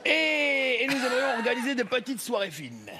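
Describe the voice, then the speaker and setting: Give me a man acting as a pompous party organizer, high-pitched over studio noise. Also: big pitch swings, brisk, vocal fry, full character voice. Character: smooth male swinger party organizer with island accent. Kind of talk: improv comedy game.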